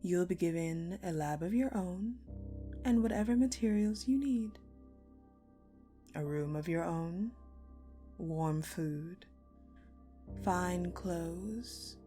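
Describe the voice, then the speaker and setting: Acting as a slow, sadistic ice-queen general in a dark audio roleplay for the listener, a woman uses a lowish voice with a dark tone over faint music. Cool and calculating, she's deliberate, condescending and mocking, with dramatic pauses, commanding and menacingly sweet.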